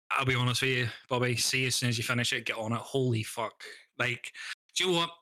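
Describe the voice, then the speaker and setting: Man as podcast host. Bright, dry close mic, chatty, swears freely. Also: mid-range voice, flat delivery, brisk, dry recording. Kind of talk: casual banter podcast.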